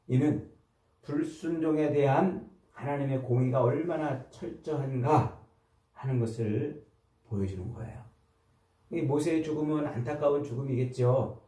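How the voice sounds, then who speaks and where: A man's voice: mid-range voice, dark tone, recorded from a distance. A man preaching a sermon as pastor, explaining the text patiently and asking his listeners questions. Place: church sanctuary. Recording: roomy sound from away from the mic.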